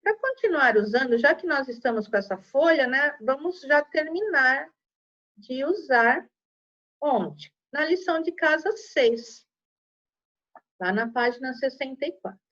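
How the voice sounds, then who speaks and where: A woman's voice: high voice, expressive, measured pace, fairly bright tone, muffled recording. A woman teacher with a Brazilian Portuguese accent giving a patient, step-by-step math lesson to children, checking in after each point.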